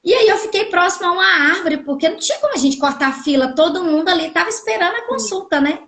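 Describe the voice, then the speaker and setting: Woman from Goiás, middle-aged, high-pitched, animated storyteller, roomy live-stream sound. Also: fast talker. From Goiás, Brazil. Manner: animated, acts out quoted dialogue. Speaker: guest telling her story. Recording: echoey room audio from a live stream.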